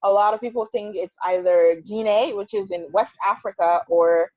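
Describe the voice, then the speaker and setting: A woman's voice: medium pitch, moderate pace, darkish tone. A young woman from the United States answering interview questions over a choppy, bad video-call connection, telling her story in a chatty way. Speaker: interview guest, English teacher. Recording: dull lo-fi call audio, dry.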